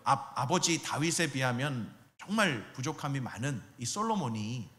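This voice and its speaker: Middle-aged guy pastor preaching, high animated voice, big echoey church hall. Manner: animated preaching, acts out quoted voices and asks listeners questions. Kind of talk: sermon. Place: church sanctuary.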